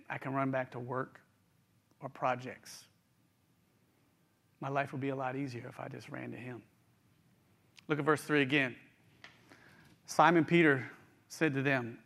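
A man's voice: medium pitch, steady tone, a little slow, pauses often, a bit bright. A middle-aged man with a West Virginia accent giving a sermon in a conversational, folksy way, speaking straight to his listeners. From West Virginia, United States. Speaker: preacher.

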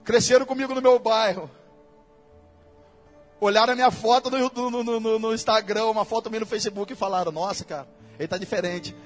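A Brazilian man preaching in a church with a very high voice. He keeps the sermon casual and full of slang and speaks straight to the congregation. Soft music plays behind him. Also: steady tone, brisk, pauses often. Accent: Brazilian Portuguese. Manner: casual, slangy preaching that addresses listeners directly.

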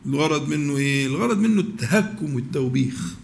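A man with an Egyptian accent teaching a religious lesson, asking his students questions and pausing often to find words. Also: on the high side, expressive, gravelly, a little hiss or hum. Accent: Egyptian Arabic. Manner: questions the audience, with many drawn-out pauses and restarts.

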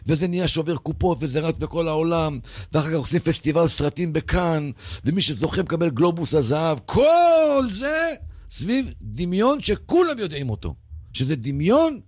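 A man giving an animated religious talk on radio, telling stories with emphatic repetition. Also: fairly high pitch, no echo, studio quality. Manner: animated, emphatic, repeats for stress. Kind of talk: preaching talk with storytelling.

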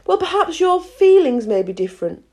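A woman's voice: very high voice, big pitch swings, normal speed, dark tone, pitched above the performer's own voice, heavily acted. A woman voicing a shy, polite and confused young girl from a storybook, explaining herself earnestly. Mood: mildly irritated.

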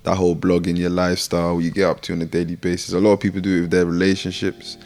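A man's voice: low voice, completely flat delivery, racing, a little mellow. A man with a London accent hosting a podcast, asking questions and encouraging his guest with lots of "you know" and "yeah". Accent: London English. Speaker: podcast host. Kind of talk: casual interview. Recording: music bed clearly behind. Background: background music.

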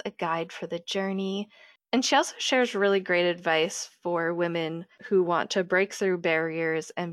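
A woman's voice: on the low side, dry recording, studio quality. A woman hosting a podcast, reading a scripted introduction and interviewing her guest in an upbeat, enthusiastic manner. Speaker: podcast host, editor.

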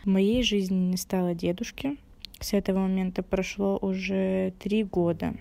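A woman's voice: mid-range voice, steady tone, normal speed, vocal fry, dark tone. A nineteen-year-old woman from Russia, a guest on a podcast, speaking in a reflective, thoughtful way. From Rostov-on-Don, Russia. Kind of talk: podcast talk.

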